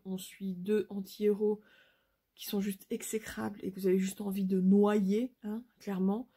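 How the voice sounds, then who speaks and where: A woman's voice: mid-range voice, gravelly, mellow, slightly rough. A woman vlogger talking casually about a book to her viewers, frank, with many fillers and restarts. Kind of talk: casual book review to camera.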